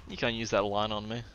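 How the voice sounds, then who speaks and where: A man's voice: lowish voice, highs cut off, slight background noise. A young man streaming a game and chatting casually, laughing often and swearing. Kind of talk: casual gameplay chat.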